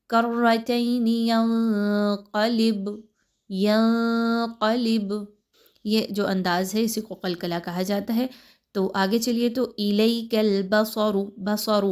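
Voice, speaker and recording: A woman teaching tajweed, explaining pronunciation patiently and step by step. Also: mid-range voice. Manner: patient, explains pronunciation step by step, then recites slowly and drawn out. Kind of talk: tajweed lesson with slow recitation examples.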